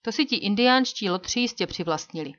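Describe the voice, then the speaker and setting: A woman voicing a gruff older male trapper who answers briskly and matter-of-factly. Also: mid-range voice, animated, a bit bright, lo-fi sound, natural voice.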